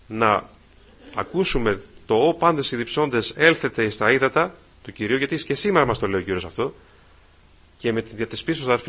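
A man preaching a sermon to his congregation, calling them brothers again and again and swelling louder on key phrases. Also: medium pitch, slightly rough.

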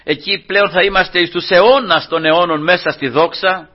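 A man's voice: sits high, fairly even intonation, lo-fi sound. A man preaching a fervent Pentecostal sermon, often calling his listeners brothers.

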